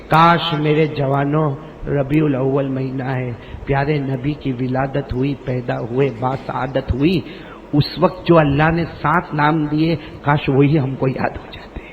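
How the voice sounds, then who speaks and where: A male preacher delivering a devotional sermon, urging the crowd to call back and switching between hushed storytelling and drawn-out chanted verses. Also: flat delivery, lo-fi sound. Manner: coaxes the audience to respond, repeating prompts; drops to a hushed low voice for storytelling.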